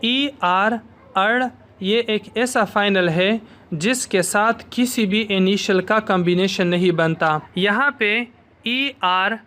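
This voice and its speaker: A man teaching a language lesson, slowly drilling pronunciation and saying each syllable twice before explaining the rules. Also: high-pitched, pushed and bright. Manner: slow, deliberate, repeats each syllable twice.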